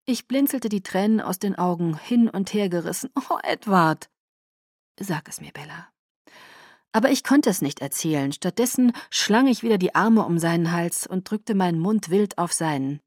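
A woman narrating a first-person audiobook in a soft, intimate and emotional way. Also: lowish voice, lively intonation, normal speed, few pauses, no room sound, clean studio sound. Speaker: audiobook reader.

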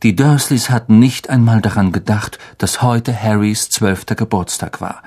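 A man narrating a children's story in an expressive audiobook style. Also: on the low side, moderate pace, breathy edge.

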